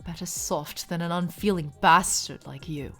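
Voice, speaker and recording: Brief: defiant, protective male reaper, a woman reading him, blunt delivery, lowish voice. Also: moderate pace, fairly bright tone, faint music behind.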